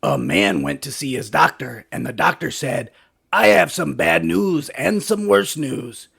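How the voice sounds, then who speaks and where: A man's voice: fairly high pitch, very animated, unhurried, fairly bright tone, full character voice. A man voicing a scruffy cartoon bat who hosts a late-night comedy show, delivering jokes in a punchy way and switching voices between the characters in them. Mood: cheeky. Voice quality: gravelly, husky. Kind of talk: cartoon stand-up joke telling.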